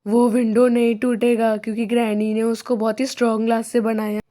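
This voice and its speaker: A woman's voice: a little high, flat delivery, fairly quick, warm tone, pitched below the performer's own voice, lightly acted. A woman voicing a cheeky cartoon boy in a lazy, drawling manner.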